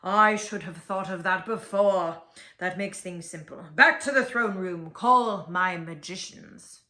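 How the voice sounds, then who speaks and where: A woman voicing an impatient, commanding storybook king who barks orders loudly. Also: fairly low pitch, a little slow, reverberant. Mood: brisk. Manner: loud, bossy commands.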